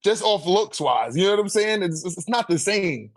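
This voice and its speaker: On a manga ranking podcast, a high-voiced man debates loosely, his lively, moderately paced talk packed with slang and swearing. He keeps circling back with "you know what I'm saying" to check he's understood.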